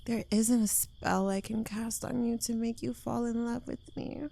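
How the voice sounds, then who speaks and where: In an intimate ASMR roleplay, a woman voices a young witch who is smug and clingy, teasing and possessive with a slightly unhinged streak. Her voice is a little high, soft and mellow with a creaky edge, and she drawls slowly with fairly even intonation.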